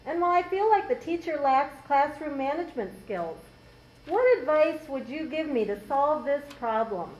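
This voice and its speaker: A woman's voice: high-pitched, expressive, moderate pace, darkish tone, a little hiss or hum. A woman calling in as a parent of a young child, heard over a speakerphone and asking politely for advice. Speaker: caller. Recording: muffled speakerphone in echoey room.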